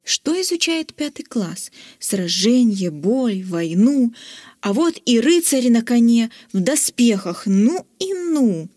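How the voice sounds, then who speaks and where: Woman narrator, higher voice, playful rhyming storybook reading, dry close sound. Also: sing-song, takes it slowly, dark tone, no echo.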